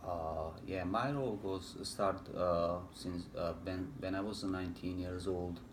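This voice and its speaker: Low-voiced Bosnian man, halting speech. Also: fairly even intonation. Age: middle-aged. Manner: halting, many fillers and restarts, broken English. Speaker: interviewee, war veteran. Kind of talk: personal recollection, hesitant. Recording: echoey room with faint background noise.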